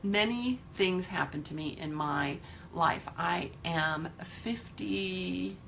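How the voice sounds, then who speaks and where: A woman's voice: lowish voice, takes it slowly, creaky, fairly bright tone, slight background noise. A woman in her fifties giving a candid, emphatic motivational talk to her viewers, swearing freely. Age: 50s. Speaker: vlogger.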